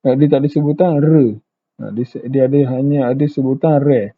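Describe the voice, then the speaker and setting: A man with a Malaysian accent teaching Japanese pronunciation in a casual online lesson, repeating words slowly and carefully and saying "okey" a lot. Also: mid-range voice, breathy edge. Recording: tinny phone-like lo-fi sound.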